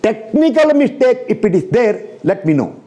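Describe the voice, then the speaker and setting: An Indian engineering teacher who speaks Indian-accented English as a second language delivers a blunt, repetitive classroom lecture, peppering students with rhetorical questions. His voice is high and dark in tone, swinging widely in pitch at a normal pace.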